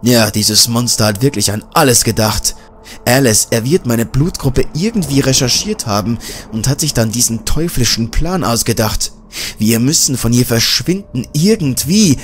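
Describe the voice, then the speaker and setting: A man voices a determined male journalist who speaks tensely. His medium-pitched voice has lively intonation and a moderate pace, sounding close to an everyday voice, with slight background noise.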